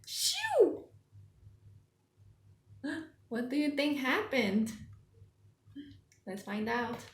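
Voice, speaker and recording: A woman's voice: a little high, takes it slowly, reverberant. A preschool teacher, a woman, reading a picture book aloud and asking the children encouraging questions.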